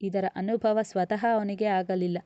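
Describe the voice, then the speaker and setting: A woman reading a serialized romance story aloud in a steady, expressive narration. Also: medium pitch, measured pace, clean tone, no room sound, lo-fi sound.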